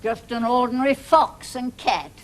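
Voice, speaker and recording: A woman's voice: fairly high pitch, moderate pace, a little hiss or hum, close to an everyday voice. A woman playing a blunt, impatient older peasant woman, brusque and matter-of-fact.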